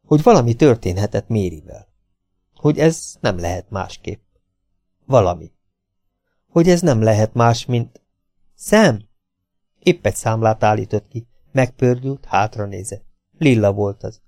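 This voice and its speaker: A man narrating an audiobook in a measured, evenly paced way. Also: lowish voice, lively intonation, dark tone, no echo, clean studio sound. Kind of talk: audiobook reading.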